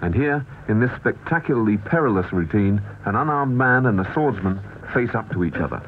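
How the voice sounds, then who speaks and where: A man reading scripted documentary narration in a measured, even way, heard from a worn VHS tape copy. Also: lowish voice, noisy background. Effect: worn VHS tape copy, muffled and lo-fi. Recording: muffled worn videotape with music behind.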